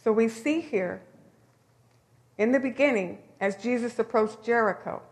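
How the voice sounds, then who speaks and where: A woman's voice: a little high, measured pace. A woman preaching a sermon in a conversational, storytelling way, with emphatic rises. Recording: long hall reverb.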